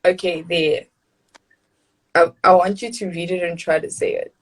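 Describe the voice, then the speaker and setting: A woman's voice: lowish voice, steady tone, normal speed, low-quality recording. A woman from Johannesburg with a South African accent, hosting a casual interview and laughing often. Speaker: host.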